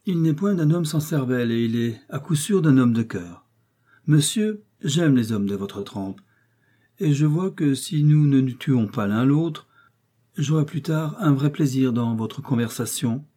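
A man's voice: medium pitch, lively intonation, measured pace, dark tone. A man reading the lines of a proud, courtly noble musketeer in a formal, gracious way.

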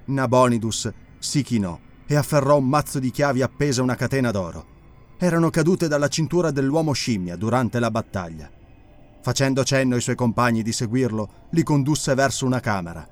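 A male narrator with a mid-pitched voice reads an adventure audiobook in a measured, expressive way. Soft music plays under the reading. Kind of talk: scripted dramatic narration.

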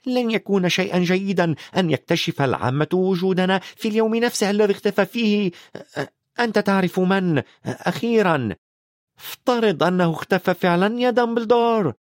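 A man's voice: high voice, fairly quick, no room sound, studio quality, voice pushed up, close to an everyday voice. A man voicing a strict, impatient older witch professor in a storybook reading, talking sharply and fretfully. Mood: agitated.

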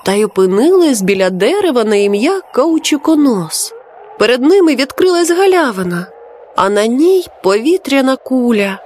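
A woman's voice: a little high, very animated, moderate pace, a little mellow, slight background noise. A woman narrating a bedtime story in a tender way, speaking directly and fondly to a child listener. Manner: tender, addresses the listener as "my little heart".

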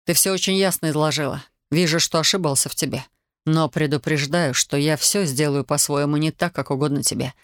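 A woman's voice: deep voice, brisk, no echo, studio quality, lightly acted. A woman voicing a brooding young soldier. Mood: cold. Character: young man, ardent soldier, intense and bitter.

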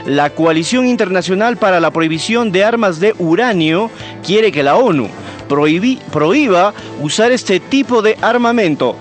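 A man presents a radio news program in a brisk, clear scripted style. His voice sits notably high for a man. Faint music runs underneath. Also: lively intonation.

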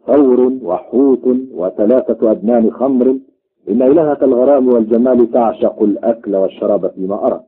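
A man's voice: medium pitch, fairly quick, breathy edge, lightly acted. A man voicing an astonished giant king who whispers his amazement, on a tinny, phone-like recording. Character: puzzled, gluttony-struck male giant king.

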